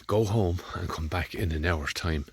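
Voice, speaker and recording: Out on a farm field in the rain, a man from Ireland narrates a casual vlog on his handheld phone, wandering from topic to topic and grumbling along the way. He speaks low at normal speed with a breathy edge, in a dry recording.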